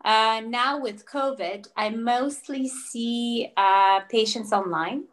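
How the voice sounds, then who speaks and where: A woman in her thirties, born in Russia with Russian as her first language, tells her story as a guest on a video-call interview; she's a naturopathic doctor. Her voice sits on the high side and she takes it slowly, thoughtful, with many fillers and restarts.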